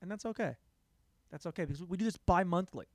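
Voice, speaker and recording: A young man hosting a solo comedy podcast, rambling in a sarcastic, self-mocking way, jumping between loud bursts and mumbled asides. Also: high-pitched, fast, dry recording. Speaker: podcast host.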